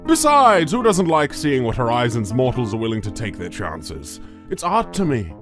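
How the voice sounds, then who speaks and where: A man's voice: medium pitch, wildly swooping pitch, normal speed, over music. A man voicing a theatrical demon casino boss in a comic dub, grandiose and melodramatic, menacing yet easily flustered. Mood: sly, grandiose.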